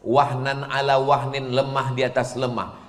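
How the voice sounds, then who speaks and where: A man preaching a sermon to an audience, teasing and questioning them in a lively back-and-forth. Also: medium pitch, a little slow. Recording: echoey hall, long reverb.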